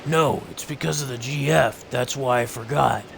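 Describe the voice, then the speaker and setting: A man doing a gravelly brooding young hero. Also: mid-range voice, normal speed, a bit bright, a little hiss or hum, voice pushed down. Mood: curt. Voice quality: gravelly, gruff Batman-style voice. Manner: terse, clipped. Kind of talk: reading game dialogue aloud.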